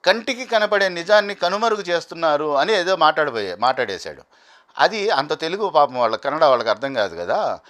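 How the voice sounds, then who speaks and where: A man's voice: on the high side, brisk. A man giving argumentative commentary as a reality show reviewer. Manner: animated, argumentative, quotes contestants in acted bursts.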